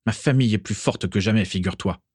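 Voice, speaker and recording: A man's voice: on the low side, fast talker, a little mellow, slightly rough, no room sound, studio quality. A man voicing a proud, tense teenage boy who answers curtly and defensively in an audiobook reading. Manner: curt, tight and defensive. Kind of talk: audiobook character voice.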